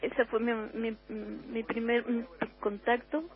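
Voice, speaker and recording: On a muffled recording, an older woman from Uruguay with a Chilean accent, a musician guest on radio, speaks reflectively and without hurry, restarting many times. Her pitch is fairly high and barely moves.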